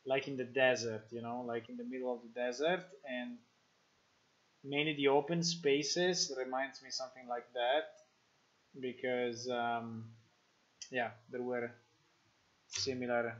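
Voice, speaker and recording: Italian-accented man, game developer, casual live-stream chat, halting, dull lo-fi audio. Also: mid-range voice, flat delivery, a bit bright. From Italy. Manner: thinking aloud, reading chat, many fillers and restarts.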